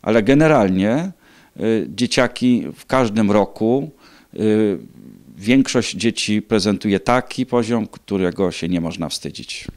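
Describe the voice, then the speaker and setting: Low-voiced, hesitant middle-aged man. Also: a little mellow. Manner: hesitant, measured, pausing often. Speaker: contest organiser being interviewed. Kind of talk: spoken interview answers. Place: indoors, small room. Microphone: handheld reporter microphone.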